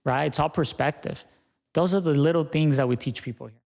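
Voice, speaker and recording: A man's voice: fairly high pitch, a little fast, creaky, a little mellow. Earnest young man, reverberant room. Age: young adult. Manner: earnest, repeats "right?" and "you know". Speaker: guest, business owner. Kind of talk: podcast interview.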